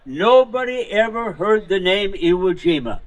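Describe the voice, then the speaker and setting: A hundred-year-old man, a veteran speaking to an audience, recounting war memories in short, halting, emphatic phrases with rhetorical questions. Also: high-pitched, expressive, poor audio. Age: 100 years old. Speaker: veteran Marine guest speaker. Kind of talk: live war reminiscence to an audience.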